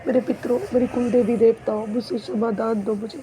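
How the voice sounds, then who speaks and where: A woman's voice: a little high, level tone, brisk, warm tone, slight background noise, rough recording. A young woman offering a repetitive, pleading devotional prayer of thanks.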